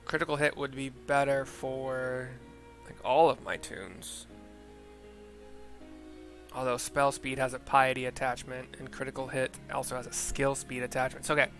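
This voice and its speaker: A man plays a video game and comments casually, reading the story and muttering to himself, with music behind his voice. He spells out names in a mid-range, slightly bright voice at normal speed with fairly even intonation.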